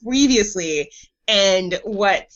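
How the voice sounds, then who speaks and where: A woman's voice: mid-range voice, animated, extremely slow. A woman co-hosting a casual book podcast, giggling as she acts out quotes. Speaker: podcast co-host. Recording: slightly lo-fi podcast audio.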